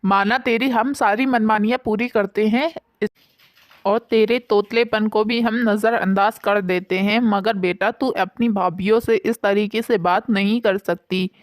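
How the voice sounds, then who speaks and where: A woman's voice: mid-range voice, steady tone, measured pace, dry recording, lightly acted. A woman voicing a middle-aged mother who scolds and comforts her daughter in a storybook tale. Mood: scolding. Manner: scolding yet gentle. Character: stern but loving middle-aged mother.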